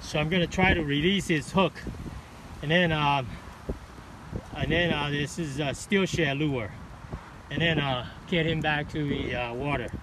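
A man vlogging from a kayak on a river, commentating excitedly with lots of fillers. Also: on the high side, measured pace, pauses often. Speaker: fishing vlogger. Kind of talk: casual fishing commentary. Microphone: action camera. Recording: loud wind and water noise.

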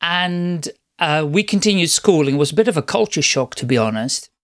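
A middle-aged man tells his own story as a podcast guest. His voice sits a little high for a man, and he rambles warmly from one point to the next, often restarting his sentences. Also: lively intonation, brisk. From Netherlands. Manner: chatty, rambling, with frequent restarts. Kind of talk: casual interview storytelling.

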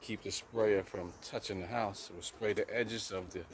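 A man's voice: on the low side, normal speed. A man narrating a deck-staining job outdoors, explaining steps and giving short directions to his crew. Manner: relaxed, instructive, gives short directions. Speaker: handyman instructor narrating a job. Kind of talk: casual on-site narration and coaching. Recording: outdoor camera audio with noise.

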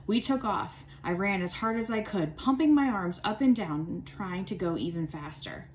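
A woman, a parent volunteer and substitute teacher, reading a children's chapter book aloud with expressive storytelling. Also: mid-range voice, moderate pace, poor audio.

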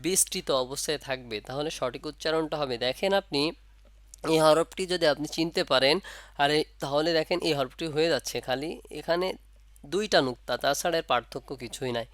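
A man with a fairly high, smooth voice teaches letter sounds step by step. He asks questions and answers them himself, and he stretches out each sound to demonstrate. The recording is dry and close. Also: brisk, a bit bright, no echo. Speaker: Quran reading teacher. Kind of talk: step-by-step lesson.

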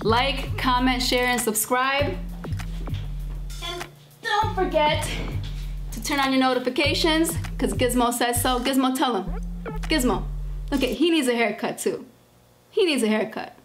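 A woman's voice: high-pitched, lively intonation, measured pace, pauses often. A woman vlogging straight to camera in casual chat, emphatic and repeating phrases for punch. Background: background music.

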